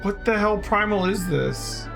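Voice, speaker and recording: A man's voice: high-pitched, lively intonation, a little slow, gravelly, over music. A man giving casual let's play commentary as he reacts to a video game. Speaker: game streamer.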